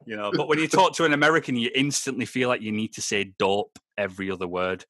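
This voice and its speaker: A man's voice: mid-range voice, quick pace, bright, forceful tone, no echo. A young Scottish man hosting a podcast, chatting casually, rambling and swearing, laughing often. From Scotland. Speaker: podcast host. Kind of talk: casual chat.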